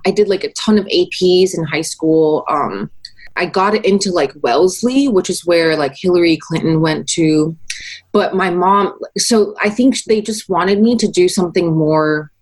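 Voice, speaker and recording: A young woman from Taiwan, a musician in her twenties, chats casually as an interview guest with a lowish voice and a slightly slow pace. She uses many fillers and laughs often.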